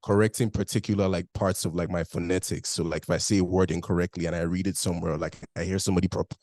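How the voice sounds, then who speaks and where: Here a young Nigerian guest with a mixed Nigerian, British and Canadian accent tells his story candidly in a casual interview, using "like" heavily. His delivery is low-pitched, flat, a little mellow and quick, captured dry in clean studio sound.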